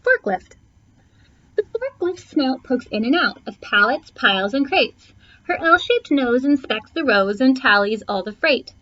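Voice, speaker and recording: Her voice sits high, pushed and bright, with a sing-song lilt and a slightly slow pace as she reads a rhyming children's book aloud. She stretches and punches key words theatrically, all captured in dull, lo-fi sound.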